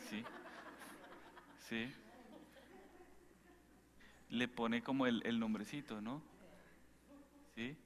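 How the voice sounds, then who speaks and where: Animated priest preaching in an echoey hall. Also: male voice, mid-range voice, drawn-out words, pauses often. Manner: animated, full of rhetorical questions. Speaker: priest giving a retreat talk. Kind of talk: informal sermon.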